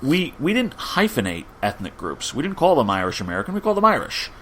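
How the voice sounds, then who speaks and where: A man co-hosting a podcast, making his points in emphatic, argumentative casual talk. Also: quick pace. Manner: emphatic, argumentative, lively swings in pitch. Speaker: podcast co-host. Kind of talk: casual political discussion.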